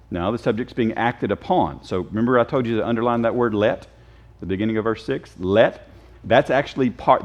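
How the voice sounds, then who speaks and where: A man teaching a casual Bible class, joking and quizzing his students. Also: lowish voice. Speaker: Sunday school teacher. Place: church classroom.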